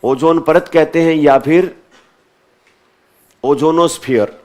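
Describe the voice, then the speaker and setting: A man's voice: fairly high pitch, slow pace, darkish tone. A male teacher giving a classroom lecture, asking questions and answering them himself, repeating key terms.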